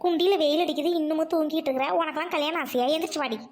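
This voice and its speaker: Brief: woman as a bossy, high-voiced cartoon big sister, scolding. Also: racing, natural voice. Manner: scolding, brash. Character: bossy older sister scolding sleepy girls.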